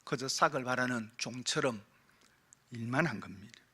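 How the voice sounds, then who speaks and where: A man preaching a Sunday sermon as pastor, asking the congregation rhetorical questions and moving between forceful emphasis and hushed, low passages. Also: normal speed, breathy edge. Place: church sanctuary.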